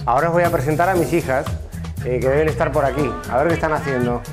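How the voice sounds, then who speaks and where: A man's voice: a little high, fast, music in the background. A middle-aged man from Spain with an Aragonese accent, chatting casually and explaining things with frequent fillers. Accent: Aragonese Spanish. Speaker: interviewee. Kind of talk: casual chat while touring.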